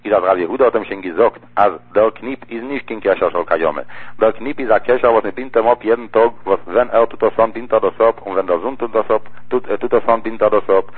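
A man's voice: fairly low pitch, fast, husky. A man teaching a religious law lesson, explaining by repeating key phrases over and over. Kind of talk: text-study lesson. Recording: tinny phone-like recording.

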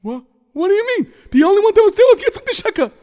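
A man playing an excitable, self-important pious man in a told story, theatrical, muttering and exclaiming. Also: sits high, normal speed, slightly rough, heavily acted. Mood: outraged, wailing.

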